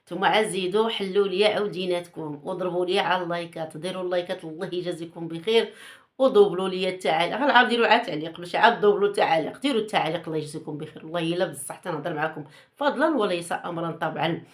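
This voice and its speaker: A woman's voice: fairly low pitch, rapid-fire. A woman with a Moroccan Arabic accent hosting a gossip channel, talking casually and teasingly with rhetorical questions and repeated phrases.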